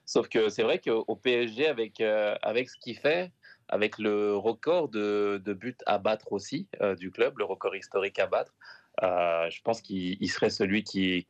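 A man talks soccer in an easy panel chat, weighing his words with small fillers. His voice sits low. The studio sound is dry. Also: no echo, highs cut off. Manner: measured, thoughtful, drops fillers. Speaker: soccer analyst, former player. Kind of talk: casual panel talk.

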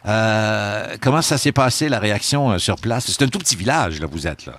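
A man's voice: fairly low pitch, animated, normal speed, a bit bright, a little hiss or hum. A man with a Quebec French accent hosting a casual radio talk show, playful and chatty with many hesitations. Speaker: radio host.

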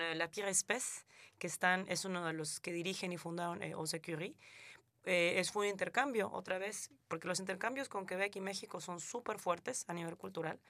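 Appearing on a radio interview, a Mexican actress talks earnestly in a Mexican accent, often using fillers and restarting sentences. Her voice is fairly low, gravelly, and a bit bright, recorded with no echo.

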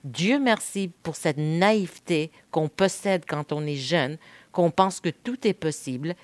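A woman in her fifties from Quebec, a native Spanish speaker, reflects candidly on her career as an interview guest. Her voice sits low for a woman, and it sounds dry and close, with no room echo. She pauses often on hesitant "euh"s. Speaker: guest, veteran TV host.

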